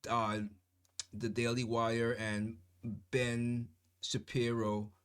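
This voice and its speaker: A man's voice: medium pitch, level tone, extremely slow, smooth. A man giving solo political commentary to his viewers, speaking passionately, with emphatic, repetitive phrasing. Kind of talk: casual solo commentary to camera.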